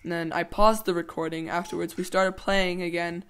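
A man's voice: high voice, level tone, normal speed, fairly bright tone, clean tone. A teenage boy giving rambling, playful commentary while playing a game, with goofy jokes. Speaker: let's play host. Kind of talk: casual gameplay commentary.

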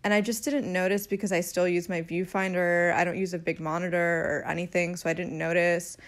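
A young woman with a cold vlogs indoors from her bedroom, which has a couch, talking to camera in an apologetic, rambling way with lively hand gestures. Her lowish voice is fairly quick and a bit nasal, captured by an arm's-length camera mic.

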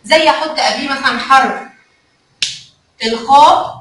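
A woman's voice: high-pitched, moderate pace, fairly bright tone. Egyptian kindergarten teacher, woman, stretches out the letter sounds, faint background noise. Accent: Egyptian Arabic. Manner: asks questions and answers them herself, coaxing. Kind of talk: children's phonics lesson. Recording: very echoey room, mic far off, faint noise.

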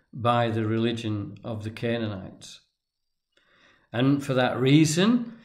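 A man lecturing at length off the cuff, speaking deliberately and pausing often, with restarts as he stresses key words. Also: medium pitch. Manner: deliberate, halting, with restarts and emphatic pauses. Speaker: tarot and religion commentator. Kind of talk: unscripted lecture.

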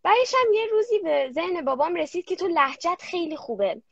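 Young girl guest, high voice, lots of ums, lo-fi dry audio. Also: sing-song, a bit bright, no echo. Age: child. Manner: hesitant, many fillers. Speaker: guest, young German-language creator. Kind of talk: casual interview answers. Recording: dull lo-fi dry sound.

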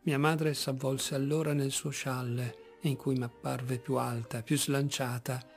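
A man narrates a literary story in a measured, expressive audiobook reading. His middle-pitched voice has a gravelly texture, and soft music plays faintly behind him. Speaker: audiobook reader.

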